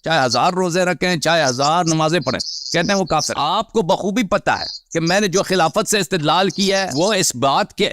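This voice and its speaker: Fairly high-voiced man arguing forcefully. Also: no room sound, studio quality. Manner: forceful, demands to be heard. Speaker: debater. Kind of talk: heated religious debate.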